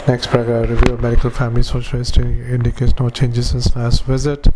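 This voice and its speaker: A male doctor giving rapid, clipped medical dictation in a routine way, reading off notes with spoken punctuation. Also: mid-range voice, monotone. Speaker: doctor, psychiatrist. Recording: clearly noisy background.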